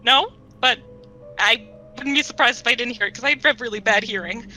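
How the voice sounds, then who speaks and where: A woman playing in a tabletop game, speaking in character in a flustered, apologetic and halting way. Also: a little high, sharp tone, soft background music. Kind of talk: in-character improvised role-play in a tabletop game.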